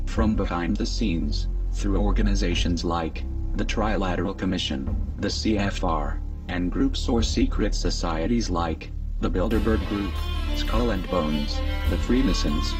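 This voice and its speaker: A man reading a scripted anonymous message in a disguised, pitched-down deep voice, with a stern, declamatory and measured delivery. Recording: distant voice under loud music.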